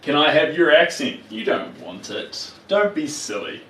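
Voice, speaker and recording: This New Zealand man, his accent broad, hosts a livestream and keeps up a relaxed, reassuring chat with viewers as he works. His voice sits a little high and is a bit bright, swinging widely in pitch at an unhurried pace. Faint noise and a roomy, distant mic colour the recording.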